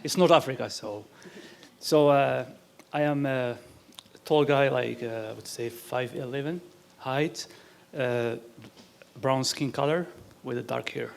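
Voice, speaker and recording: A man from Morocco co-presents a business pitch on stage. His voice has a gravelly, creaky texture, and he talks plainly with a few "uh" fillers. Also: unhurried, long pauses.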